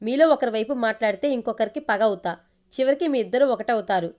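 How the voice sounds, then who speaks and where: A woman reading the part of a middle-aged father who dodges family quarrels, gruff and dismissive. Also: a little high, fairly quick, darkish tone, lightly acted. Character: stern middle-aged father, sly peacemaker.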